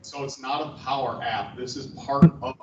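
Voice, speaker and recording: Lowish voiced guy explaining casually, distant noisy meeting audio. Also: steady tone, moderate pace. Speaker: meeting participant answering questions. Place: online meeting, far from the mic. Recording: distant echoey mic, dull and noisy.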